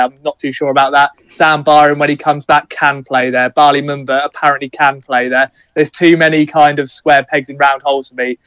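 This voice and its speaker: A man's voice: fairly high pitch, a bit bright, dry recording. A man giving his views as a football fan in a casual sports chat.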